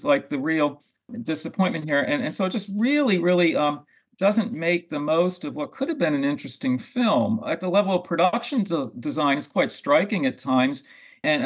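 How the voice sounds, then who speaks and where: Husky, gravelly male film critic. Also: on the high side. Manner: thoughtful, restarts often, wry. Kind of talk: film review discussion.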